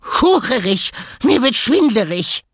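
A man's voice: very high voice, very animated, takes it slowly, a bit bright, husky, no echo, pitched above the performer's own voice, exaggerated voice. A man voicing a tiny, cheeky female bat who chirps and flutes in a storybook. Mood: giddy. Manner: chirpy, fluting. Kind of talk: audiobook character voice.

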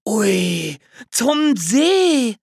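A man doing an excited little squirrel. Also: high-pitched, a little slow, no room sound, studio quality, voice pushed up, exaggerated voice. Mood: eager. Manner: excitable, bright questioning. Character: curious eager little male squirrel. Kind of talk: children's storybook reading.

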